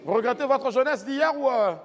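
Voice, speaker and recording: High-voiced man hosting a comedy stage. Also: fairly quick. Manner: announcing, stage emcee. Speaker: host playing a parliament president. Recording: live stage with crowd noise.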